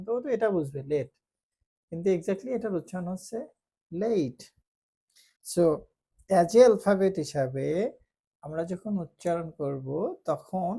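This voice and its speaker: A woman teaching English pronunciation in a casual lesson, repeating letter sounds slowly to demonstrate. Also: on the low side, dark tone, slightly rough. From Bangladesh.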